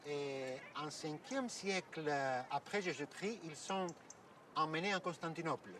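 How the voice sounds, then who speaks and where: An actor playing a courteous, explanatory Orthodox priest who guides visitors outdoors, hesitating now and then with fillers. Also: male voice, a little high, measured pace, bright, forceful tone, distant mic, a little hiss or hum. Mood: calm. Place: outdoors at an ancient site.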